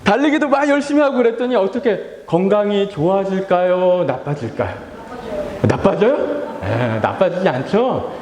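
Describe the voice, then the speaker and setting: A playful male pastor gives a children's sermon in an echoey church hall. His voice is high and very lively. He keeps asking the children questions and acts out little scenes. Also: normal speed. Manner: playful, asks children questions and leads call-and-response; acts out family members and his own tired sighs. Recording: echoey hall with long reverb.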